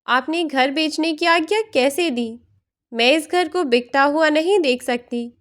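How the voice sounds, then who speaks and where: A woman voicing a hurt, gentle older mother-in-law in a storybook tale, speaking in a pleading way. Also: high voice, measured pace.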